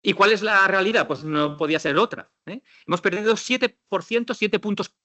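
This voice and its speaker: Man, middle-aged, from Spain, conference lecture, ironic, acts out dialogues, bright tone. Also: sits high, moderate pace. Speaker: conference speaker, housing law professor. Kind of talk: academic conference talk.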